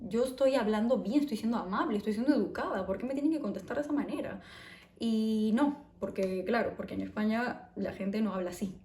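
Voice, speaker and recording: A woman's voice: a little high, fairly quick, mellow, echoey room. A woman from Peru with a Peruvian Spanish accent, talking in a casual, reflective personal vlog and often adding "¿no?" to her phrases. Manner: chatty, reflective, tags phrases with "¿no?". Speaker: vlogger.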